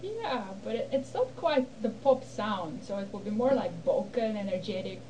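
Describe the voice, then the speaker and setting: A woman from Bulgaria with a Bulgarian accent, a guest scholar explaining music in a measured way on a radio interview. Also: mid-range voice, expressive, a little mellow, slight background noise, low-quality recording. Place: radio studio.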